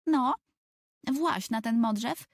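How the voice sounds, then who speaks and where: A woman voicing a bossy, lively little village girl who gives commands and scolds. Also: on the high side, slow, dry recording, clean studio sound, pitched above the performer's own voice.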